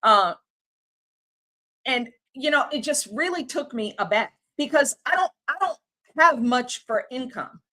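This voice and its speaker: A woman's voice: high voice, animated, a little slow, sharp tone. A woman, hosting a livestream and ranting in an exasperated, casual, slangy way. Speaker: livestream host.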